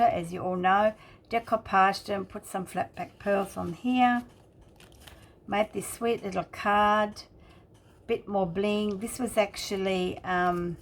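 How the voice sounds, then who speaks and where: A woman hosting a craft channel, talking casually and haltingly as she explains and shows each detail in a chatty walkthrough. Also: medium pitch, creaky, slight background noise. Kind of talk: casual craft flip-through narration.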